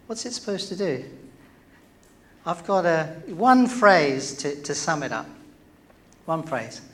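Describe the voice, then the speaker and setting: Male pastor preaching conversationally. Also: fairly high pitch. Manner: conversational, with many fillers and questions to the congregation. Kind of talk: sermon. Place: church.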